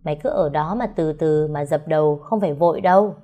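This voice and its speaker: A woman's voice: low voice, a little fast, mellow, close to an everyday voice. A woman voicing a spiteful sister-in-law who taunts with mockery. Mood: taunting.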